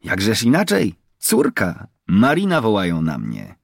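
Man playing a coy, sly young village girl, pitched up, lively. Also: a little slow, creaky, slightly rough, no room sound, studio quality, heavily acted. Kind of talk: audiobook character reading.

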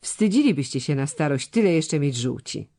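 Reader doing a blunt nobleman, reproachful, outspoken, lively pitch. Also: moderate pace.

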